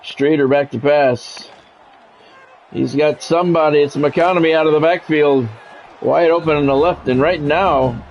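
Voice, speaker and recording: A man with a fairly high, darkish voice livestreams a game, blending casual, opinionated chatter with sports-style play-by-play. The audio is dull and lo-fi, with music playing behind him.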